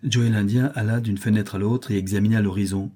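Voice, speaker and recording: Low, husky male audiobook narrator. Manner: steady, measured storytelling. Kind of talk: audiobook reading.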